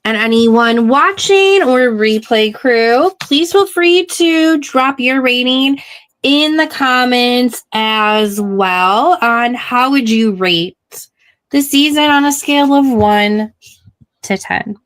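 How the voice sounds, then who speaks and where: Woman hosting a chatty pop culture talk, slow and kinda high. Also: fairly bright tone. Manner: chatty, leads the questions. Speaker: podcast host. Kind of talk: casual chat.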